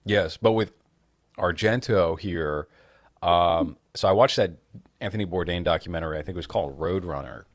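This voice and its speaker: Deep-voiced, measured man on a podcast. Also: dry recording, studio quality. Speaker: podcast co-host. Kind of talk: casual podcast chat.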